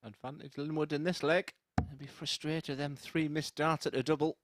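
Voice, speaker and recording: Chatty male darts commentator, fairly high voice. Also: flat delivery, normal speed, background noise. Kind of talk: casual live sports commentary with banter.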